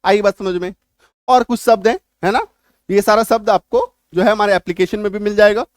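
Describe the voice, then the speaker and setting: In a studio-quality recording with no echo, a man with a fairly high, evenly pitched voice teaches an English spelling lesson at a brisk pace. He explains using everyday examples and keeps checking that his students are following.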